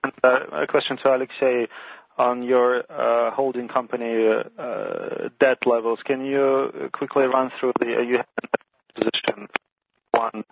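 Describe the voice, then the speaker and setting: A man's voice: medium pitch, steady tone, unhurried, vocal fry, husky. A man calling in over a phone line that breaks up, asking an analyst's question on an earnings call in a hesitant way, full of fillers and restarts. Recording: dull, dry phone line.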